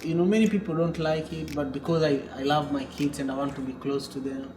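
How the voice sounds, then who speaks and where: A man from Kenya, hosting an interview in a relaxed way, with lots of "you know"s. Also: on the high side, a little fast. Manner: relaxed, filler-heavy, many "you know"s. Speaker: podcast host. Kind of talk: casual interview. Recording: echoey room with guitar music behind.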